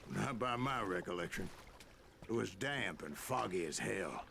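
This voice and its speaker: A man's voice: on the low side, lively intonation, measured pace, slight background noise, full character voice. An actor voicing a grizzled old gunslinger who narrates his past, in a drawling storyteller manner, as game narration. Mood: reminiscing. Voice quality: gravelly. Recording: game audio under loud music.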